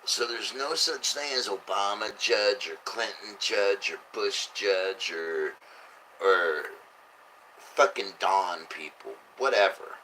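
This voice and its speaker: A man's voice: on the low side, takes it slowly, sharp tone, a little hiss or hum, rough recording. A man who sounds drunk, rambling through casual, blunt, sweary commentary as he reads out headlines. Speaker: host reading and reacting to news.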